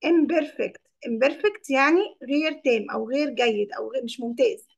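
A woman with an Egyptian Arabic accent teaches English words in a classroom lesson. She explains each term in Arabic and keeps questioning her pupils. Her voice sits high, with a gravelly edge. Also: a little fast, dull audio.

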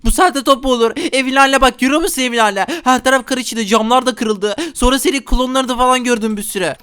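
A man's voice: extremely high pitch, steady tone, fast, pushed and bright, smooth. A man voicing a hot-tempered, easily scared father in a Minecraft role-play, frantic and talking to viewers. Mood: scolding. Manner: frantic, exclaiming, talks to viewers.

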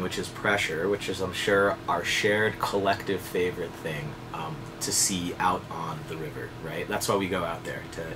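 A man in his thirties, a fly fishing guide, explaining things to camera in a relaxed, conversational way with casual fillers, seated at a desk indoors. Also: deep voice, background noise. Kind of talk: direct-to-camera instructional talk.

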